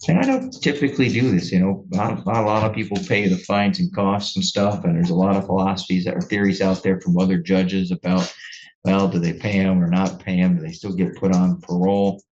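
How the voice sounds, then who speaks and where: Stern deep-voiced male judge lecturing. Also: steady tone, darkish tone, muffled recording. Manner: stern and blunt, lecturing the defendant with halting restarts. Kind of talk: courtroom sentencing from the bench. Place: courtroom.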